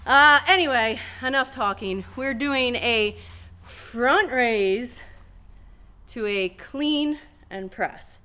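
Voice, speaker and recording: A woman in her thirties talks viewers through a dumbbell workout, cueing each movement one step at a time. Her voice is bright and sits a little high, and she is slightly out of breath as she trains. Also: slow, clear, resonant tone. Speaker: fitness coach. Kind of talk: workout instruction.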